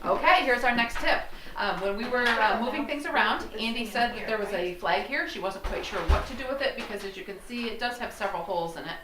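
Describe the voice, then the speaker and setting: A woman presenting unscripted organizing tips to camera, explaining step by step with hesitant pauses. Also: a little high, lively intonation, background noise. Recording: roomy, distant mic, chatter behind.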